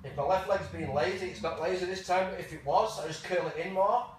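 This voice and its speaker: A man's voice: sits high, brisk. Echoey, distant male jiu jitsu coach. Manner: casual step-by-step instruction in short phrases. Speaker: martial arts coach. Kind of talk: hands-on jiu jitsu demonstration. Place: large echoey indoor training room. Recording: very echoey, noisy room, far from mic.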